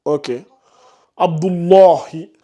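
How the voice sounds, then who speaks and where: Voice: medium pitch, fairly even intonation, drawn-out words, mellow. A Quran recitation teacher leading a class, patiently questioning students by name and correcting their reading.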